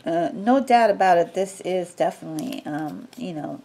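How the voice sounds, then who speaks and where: A woman's voice: fairly low pitch, lively intonation, normal speed, gravelly, dark tone. A woman giving a casual tarot reading, talking in a rambling way with many fillers and restarts. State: sneezing from allergies. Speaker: tarot reader.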